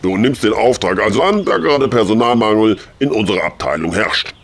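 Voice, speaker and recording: A man's voice: fairly low pitch, lively intonation, brisk. A man voicing a distant heavenly boss who is weary, sighing and crafty. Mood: wheedling.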